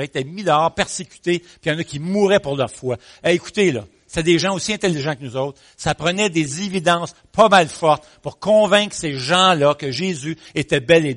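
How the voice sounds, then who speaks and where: Animated Québécois French preacher man. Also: a little high. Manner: storytelling, animated, with many pauses and asides. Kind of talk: sermon.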